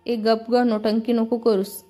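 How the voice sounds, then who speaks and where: A woman's voice: fairly high pitch, level tone, slow, dark tone, faint music behind. Woman doing a curt young bank boss. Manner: terse, brushing off.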